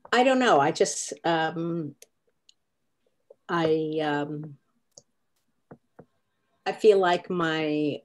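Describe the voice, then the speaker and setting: Female class participant, low voice, slow and hesitant, casual self-introduction. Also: poor audio. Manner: hesitant, halting. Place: online video meeting.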